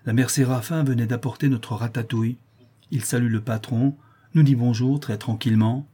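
A man's voice: medium pitch, fairly even intonation, moderate pace, mellow, husky. A man reading a novel aloud, telling the scene in a conversational storyteller's way. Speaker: audiobook reader.

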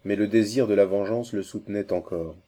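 A man narrates a classic adventure novel as an audiobook. His voice sits low and sounds mellow and relaxed, and his delivery is measured and steady.

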